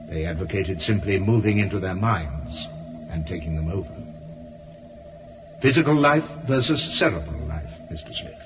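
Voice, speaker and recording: An actor playing the grave, measured voice of an alien spirit council speaking as one, in a radio drama. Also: male voice, lowish voice, lo-fi sound, lightly acted.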